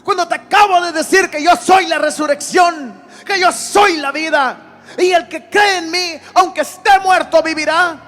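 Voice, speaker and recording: A preacher voicing Jesus as a grieved, reproachful grown man who asks pleading questions and rises to shouts. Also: extremely high pitch, normal speed, pitched above the performer's own voice.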